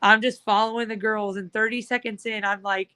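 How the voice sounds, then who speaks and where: A woman's voice: mid-range voice, fairly even intonation, fairly quick, sharp tone, clear, resonant tone. Woman, casual podcast chat, upbeat, rambling, lots of fillers. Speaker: guest, supporters' group organizer.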